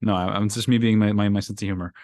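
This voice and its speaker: On the low side and very fast, a man from Brooklyn, USA gives his weekly Torah class as a rabbi in a casual, emphatic, repetitive manner. He stays animated, echoing his own phrases with rising emphasis, recorded on a microphone in class.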